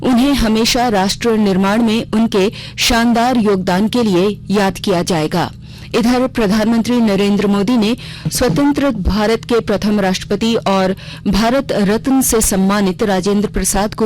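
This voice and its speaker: At normal speed and in a slightly mellow, medium-pitched voice, a woman reads a scripted news bulletin as the anchor in a radio studio. The recording, from a regional station, is clearly noisy.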